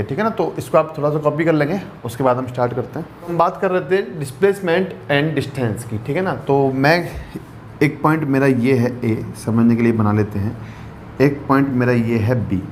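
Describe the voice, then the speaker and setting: Male maths teacher, whiteboard lecture, keeps checking if students follow, slightly high voice, faint noise behind. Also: a little mellow. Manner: checks in often with rhetorical questions; mixes English terms into explanations.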